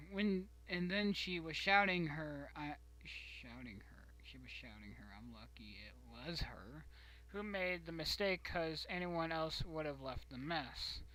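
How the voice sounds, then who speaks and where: A streamer reading a post aloud and commenting in a loose, rambling way, dropping into whispered mutters between sentences. The voice is bright and forward, sitting at a middle pitch. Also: slow pace, no echo, poor audio.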